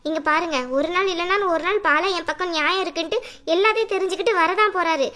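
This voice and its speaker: A woman voicing a scheming, sharp-tongued older female relative who whines and accuses the family. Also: very high voice, quick pace. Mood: whiny, accusing. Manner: whiny and accusing, melodramatic.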